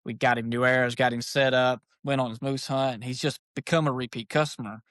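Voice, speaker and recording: Man, shop-owner guest, folksy storyteller, mid-pitched voice, dry close sound. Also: fairly quick, no room sound. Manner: animated, folksy, says "dude" a lot. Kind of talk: casual storytelling chat.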